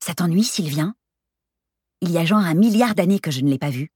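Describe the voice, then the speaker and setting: A woman's voice: on the low side, expressive, brisk, mellow, breathy edge, no room sound, studio quality. A woman voicing a brash, teasing young woman friend with a bold, crude, exclamatory way of talking in a storybook reading. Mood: pleading.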